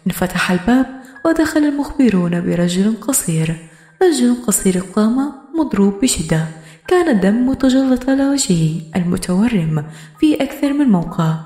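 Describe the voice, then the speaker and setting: A woman reading a novel aloud in steady, grave first-person narration. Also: medium pitch, roomy sound. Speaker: audiobook narrator.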